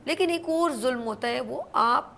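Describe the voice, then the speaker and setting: A woman hosting a studio talk show from Pakistan, speaking in an emphatic, preachy way that builds to forceful warnings. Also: high voice, gravelly, slight background noise. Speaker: morning show host.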